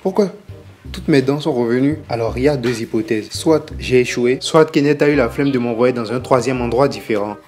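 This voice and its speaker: A man's voice: medium pitch, a little fast, darkish tone. A young man performs a scripted comedy monologue in a mid-range voice, talking to himself and swinging between reasoning through puzzles and panic. Background music plays underneath. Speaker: comedian acting in his own sketch.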